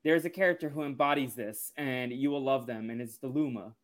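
A man's voice: mid-range voice, a little fast. Man rambling through a cartoon recap. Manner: rambling, loose storytelling. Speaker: podcast co-host. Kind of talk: casual podcast episode recap.

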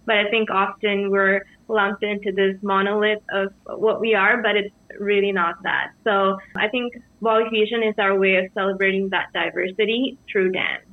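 Young woman from sri lanka talking about her dance company, calm and thoughtful, thin phone-like sound, dry. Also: mid-range voice, moderate pace, hardly any pauses, dry recording. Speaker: dance company co-founder, guest. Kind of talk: interview answers.

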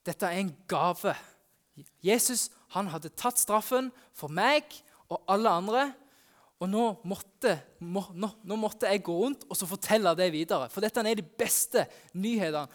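A male youth pastor, whose voice sits high, speaks to the children at a family church service, recounting the Easter story as if he were there and exclaiming energetically as he goes.

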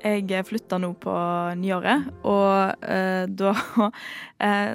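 A woman's voice: medium pitch, flat delivery, gravelly, smooth, soft background music. A woman casually telling a rambling story on the radio, with many fillers.

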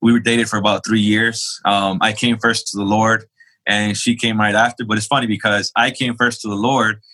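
As a podcast guest, a young adult pastor from Queens gives his testimony in a casual, conversational interview with fillers and restarts. His fairly low voice is delivered flatly at normal speed, with a pushed, bright quality.

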